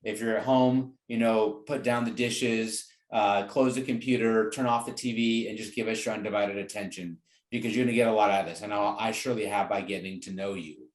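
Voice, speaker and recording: A male podcast host with a lowish voice speaks conversationally, earnest and encouraging as he interviews his guest. His intonation is fairly even and his pace a little fast. The recording sounds roomy and echoing.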